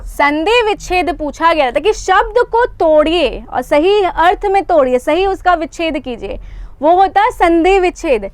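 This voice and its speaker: A woman's voice: very high voice, animated, moderate pace. A young woman teaches a live online exam-prep class, explaining patiently and checking in with "isn't it?" as she goes. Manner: explains patiently, repeats points and asks "isn't it?" often.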